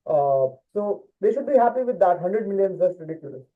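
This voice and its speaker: A man's voice: high-pitched, animated, brisk. Man chatting football over a tinny line. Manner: hesitant, many fillers and restarts. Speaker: podcast co-host. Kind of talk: casual football chat.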